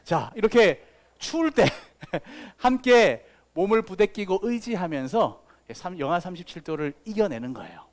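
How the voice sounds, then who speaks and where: A man's voice: high voice, very animated, a little slow. A man giving a children's sermon as pastor, telling playful stories with sound effects and asking the kids questions. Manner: talks directly to children with questions.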